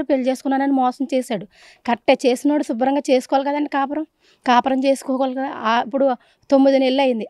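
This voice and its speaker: A woman's voice: sits high, darkish tone, no room sound. A woman with a Telugu accent speaking in a news interview, pleading and indignant about a family tragedy. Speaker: relative of the victim.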